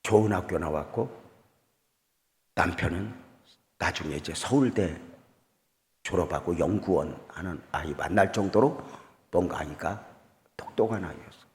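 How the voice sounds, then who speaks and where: A middle-aged man preaching a revival sermon as a guest pastor, swinging between loud exclamations and quiet storytelling and putting questions to the congregation. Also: deep voice, moderate pace, long pauses. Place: church sanctuary. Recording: church hall reverb.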